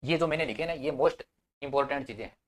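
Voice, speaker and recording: A young man runs a live online exam-prep class. He keeps his pitch at a middling level and drills each key point again and again. He pauses to throw questions at his students. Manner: repetitive drilling, quizzing students. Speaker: teacher.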